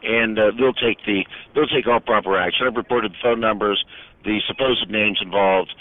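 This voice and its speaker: A man's voice: lowish voice, fairly even intonation, normal speed, no room sound. A man receiving a prank call, speaking angrily and cursing. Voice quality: angry, cursing. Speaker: call recipient. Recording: noisy tinny phone line.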